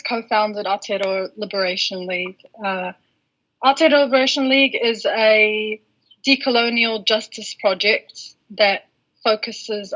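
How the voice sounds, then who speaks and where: A woman from Iraq, a guest speaking in a measured way in a podcast interview. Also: medium pitch, a bit bright, lo-fi sound.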